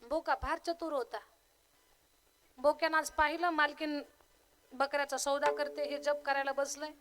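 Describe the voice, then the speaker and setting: A young woman from Maharashtra, a kirtankar, telling a story in a lively, humorous way during a devotional sermon. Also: sits high, moderate pace.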